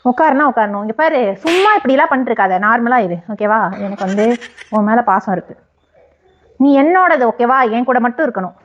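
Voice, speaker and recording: A woman's voice: fairly high pitch, lively intonation, brisk, muffled recording. A young woman pranking her husband in a vlog, bossy and possessive, repeating orders over and over.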